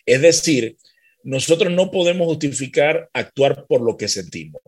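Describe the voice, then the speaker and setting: A man's voice: medium pitch, animated, normal speed, husky. A man co-hosting a faith-based talk show, speaking earnestly and reflectively, often repeating phrases for emphasis. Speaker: co-host.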